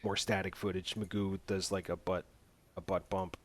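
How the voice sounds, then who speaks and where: A man's voice: deep voice, little pitch movement, moderate pace. Man sarcastically recapping a movie. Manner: recaps the plot with sarcastic asides. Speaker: podcast host. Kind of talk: casual movie review chat.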